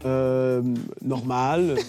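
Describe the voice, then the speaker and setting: A man's voice: mid-range voice, steady tone, extremely slow, mellow, faint music behind. Dry-joking Québécois man. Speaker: co-host.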